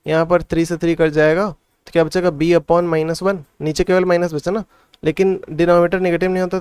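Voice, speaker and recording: A fairly high, slightly mellow, clear and resonant male voice comes through a dry, studio-quality recording. He works through textbook maths step by step as a tutor, thinking aloud and dropping frequent "theek hai" checks.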